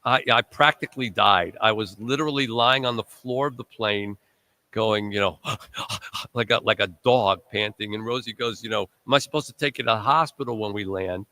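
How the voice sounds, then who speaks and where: A man hosts a live charity radiothon. His voice is bright and forward, though worn from being sick. He rambles through name after name, slipping in joking asides. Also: lowish voice, brisk, no echo. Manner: rambling, warm thank-you lists with asides. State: recovering from illness, voice strained. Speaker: radiothon host. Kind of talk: live charity broadcast thank-yous.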